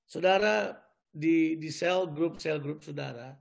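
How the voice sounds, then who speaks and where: A male pastor preaching a sermon in a lively, joking way, repeating key words back to the congregation. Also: a little high, slow pace, creaky.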